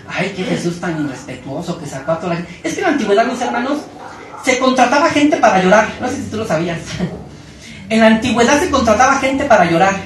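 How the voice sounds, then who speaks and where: Pastor, animated storyteller, mic at a distance in a reverberant church hall with faint hiss. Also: mid-range voice. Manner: storytelling with acted-out quotes and humor. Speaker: preacher. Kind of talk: sermon.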